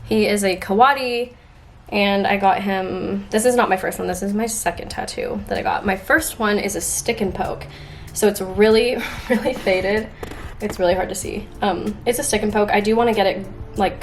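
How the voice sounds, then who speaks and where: Chatty young woman in an echoey kitchen. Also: mid-range voice. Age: 20s. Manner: bubbly, chatty, lots of "like" fillers. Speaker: lifestyle vlogger. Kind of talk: casual chat to camera while baking. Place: home kitchen, indoors. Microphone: camera on the counter. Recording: echoey kitchen, faint music.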